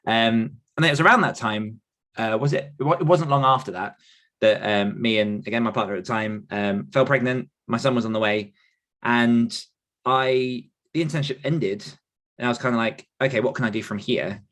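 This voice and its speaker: A British man in his thirties, an author and writing coach, appears as a podcast guest and tells the story of his career in a rambling, chatty, casual interview style. His voice is medium in pitch and fairly bright, and he talks at a moderate pace.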